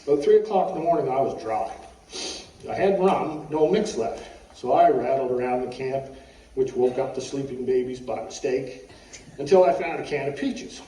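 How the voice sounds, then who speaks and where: Mellow man reading a eulogy, echoey and distant. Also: mid-range voice, expressive, normal speed. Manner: wry, folksy storytelling, often clearing the throat. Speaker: eulogist at a funeral. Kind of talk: personal eulogy read from notes, with humorous anecdotes. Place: echoey room at a funeral service. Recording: roomy, distant mic with faint background noise.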